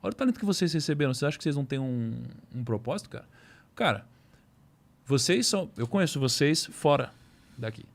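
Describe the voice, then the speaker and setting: A man's voice: fairly high pitch, expressive, quick pace. A man hosting a podcast, talking in a casual, slangy and earnest way. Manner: slangy and earnest, says "mano" and "cara" often. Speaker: podcast host.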